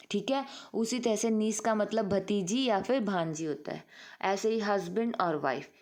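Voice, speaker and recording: A woman teacher giving an online English grammar lesson, mixing Hindi and English and checking in with her students with repeated questions. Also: on the high side. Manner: mixes Hindi and English, calls students "beta".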